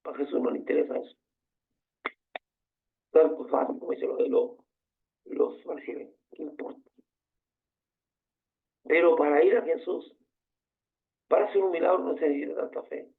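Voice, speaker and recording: A man's voice: a little high, moderate pace, vocal fry, pauses often. A man preaching a sermon as pastor, passionate and full of rhetorical questions. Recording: tinny phone-like sound.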